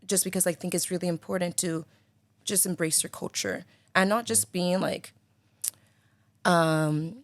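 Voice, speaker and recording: A woman's voice: fairly low pitch, fairly even intonation, measured pace, no room sound. A woman from the Bahamas with a Bahamian accent, a podcast guest talking in a casual, reflective way and leaning on lots of "like.". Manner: reflective, filler-heavy speech full of "like". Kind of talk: casual conversation. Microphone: studio mic with headphones.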